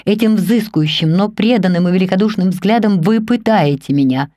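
A woman reading the part of a passionate middle-aged man in an audiobook, pleading in a low, intense voice. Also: moderate pace, dark tone, no room sound, studio quality, natural voice. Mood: ardent.

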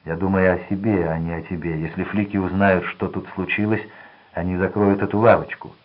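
A man voicing a desperate, terrified male crook who pleads and shouts in a trembling voice. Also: sits low, flat delivery, a little fast, muffled recording. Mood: panicked pleading.

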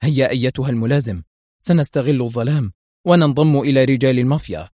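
A man voicing a calm, wry male secret agent who speaks with firm composure. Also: mid-range voice, quick pace, dry recording, clean studio sound, natural voice. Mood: cool.

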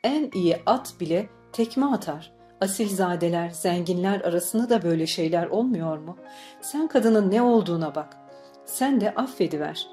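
A woman reading the lines of a fervent, pious old grandmother in an audiobook, pleading softly, over faint music. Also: mid-range voice, animated, normal speed, lightly acted. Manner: soft pleading, easygoing.

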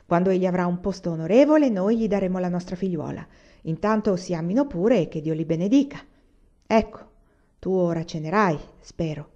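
A woman's voice: lowish voice, expressive, a little fast, mellow. A woman reading the lines of a fussy, kindly old village woman in an audiobook, in an exclaiming way, on a dull lo-fi recording. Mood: insistent. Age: older.

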